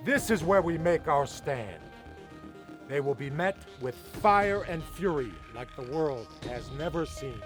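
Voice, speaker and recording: An actor playing a defiant war leader making a mock-heroic rallying speech in a low-budget film. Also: male voice, lively intonation, slow. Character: defiant male American war leader rallying his side. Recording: music over the voice.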